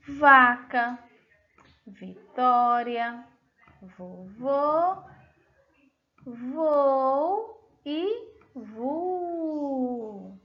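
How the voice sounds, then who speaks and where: A Brazilian woman teacher with a Brazilian accent, slowly walking young children through a lesson in a sing-song way. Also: high-pitched, a bit bright, highs cut off. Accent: Brazilian Portuguese. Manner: slow, sing-song teacher talk, drawing out words. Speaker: first-grade teacher.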